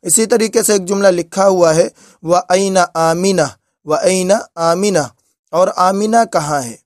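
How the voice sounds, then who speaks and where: A man teaching an Arabic lesson, repeating each example slowly for his students. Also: high-pitched, no room sound, studio quality.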